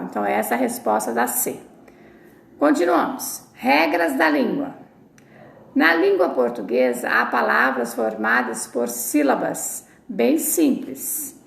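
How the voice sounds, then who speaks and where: A woman teacher from Brazil with a high voice and a strong gravelly fry, talking slowly. She spells words out syllable by syllable for children. Her voice bounces around an echoey room. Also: fairly bright tone. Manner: slow, deliberate syllable-by-syllable explanation. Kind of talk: recorded video lesson for children.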